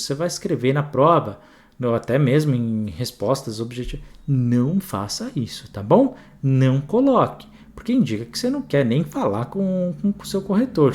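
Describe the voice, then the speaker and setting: A man with a Brazilian Portuguese accent teaching a grammar lesson for an exam, chatty and animated, often checking in with his students. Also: fairly high pitch.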